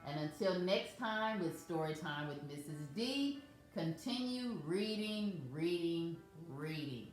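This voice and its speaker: A woman reading a picture book aloud to children as a storyteller, in a gentle, measured way. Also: on the low side, expressive. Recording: very echoey room, faint music.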